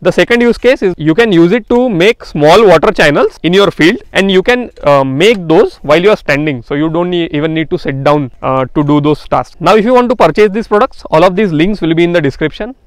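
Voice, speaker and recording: Young guy from india showing off farm tools out in a field, fairly high voice, dry close sound, says uh a lot. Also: fairly quick, hardly any pauses, no echo. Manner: earnest, recommending, with frequent "uh" fillers. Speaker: farm tool seller and channel host. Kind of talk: product demonstration talk to camera. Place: outdoors in an open farm field.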